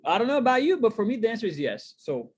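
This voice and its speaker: Brief: man from Brazil, co-host, casual webinar chat, husky edge, animated, rhetorical questions. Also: fast. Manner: animated, rising pitch on rhetorical questions, many fillers. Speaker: co-host, wealth coach.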